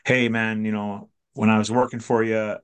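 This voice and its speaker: Man with a fairly low voice, casual storyteller who acts out the dialogue and restarts his sentences. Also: flat delivery, normal speed, clear, resonant tone. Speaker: person sharing a recovery story. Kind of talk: personal storytelling.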